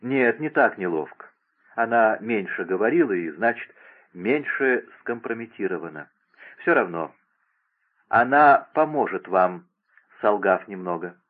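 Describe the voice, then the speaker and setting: A man's voice: on the low side, lively intonation, a little slow. A man reading aloud and voicing an anxious young lady-in-waiting who answers in a pleading, flustered way. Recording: tinny phone-like radio broadcast.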